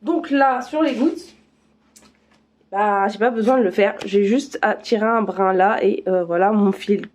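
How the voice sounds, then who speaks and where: A woman's voice: medium pitch, measured pace, darkish tone. A woman vlogger chatting casually through a craft unboxing, full of fillers and restarts.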